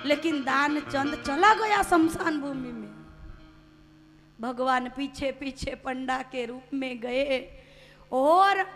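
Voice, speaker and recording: A woman's voice: sits high, fairly bright tone. A woman giving a devotional sermon, telling a sacred story with drama and switching into the voices of its characters. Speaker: religious storyteller.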